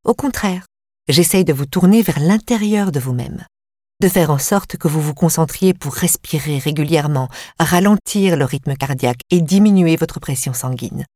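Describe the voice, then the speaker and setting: A woman reading a first-person audiobook in a calm, even, measured way. Her voice is low. The sound is dry and close, with no room echo. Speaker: narrator.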